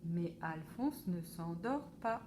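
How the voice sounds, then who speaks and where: Slow, expressive woman reading storybook. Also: lowish voice, noisy background. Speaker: library storyteller. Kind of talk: children's book read aloud.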